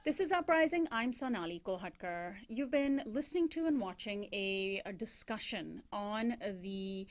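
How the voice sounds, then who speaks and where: A woman hosting a talk show, interviewing guests in a studio in a measured way with frequent "uh" fillers. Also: medium pitch, lively intonation. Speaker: radio and TV show host.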